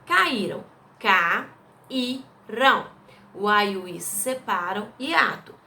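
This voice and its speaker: A woman's voice: mid-range voice, sing-song, unhurried, creaky, sharp tone. A woman teacher with a Brazilian Portuguese accent patiently goes over school exercise answers step by step, often checking in with her pupils. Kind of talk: recorded remote class going over exercise answers.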